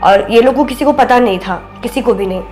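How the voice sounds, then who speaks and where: A young woman with a soft, babyish voice, telling a story as a podcast guest and acting out what people said. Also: fairly high pitch, fairly quick, soft background music. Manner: animated, acts out quoted speech, mixes in English words. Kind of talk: casual spoken storytelling.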